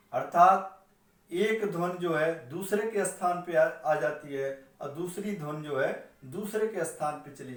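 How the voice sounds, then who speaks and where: A male teacher giving a slow, explanatory lecture that repeats sample words one sound at a time. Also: a little high. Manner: slow and repetitive, spelling out sounds. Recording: very echoey room, mic far off.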